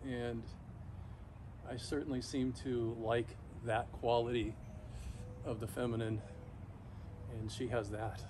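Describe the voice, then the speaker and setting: A middle-aged man talking casually and haltingly to camera outdoors, shivering in ice-cold water, pausing often mid-thought. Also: mid-range voice, level tone. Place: backyard, outdoors, in an ice bath. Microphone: camera a few metres away. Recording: noisy outdoor recording, ambient hum.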